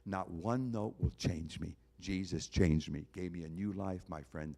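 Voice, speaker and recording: A man's voice: low-pitched, unhurried, creaky, dark tone. A man, a concert pianist, giving an emphatic evangelistic talk at a church concert, appealing directly to his listeners with repeated phrases.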